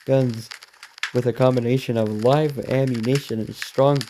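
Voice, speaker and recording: A man reading a story aloud in a halting way, correcting himself and breaking off for quick reactions. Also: medium pitch, steady tone, darkish tone, a little hiss or hum. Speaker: reaction video host.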